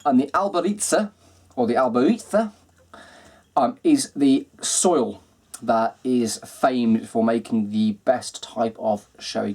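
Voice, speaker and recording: Man, mid-pitched, easygoing whisky vlogger, chatty and unhurried. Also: slightly rough. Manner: relaxed and chatty, many ums and kinds of. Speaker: whisky reviewer, host. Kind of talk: casual video review.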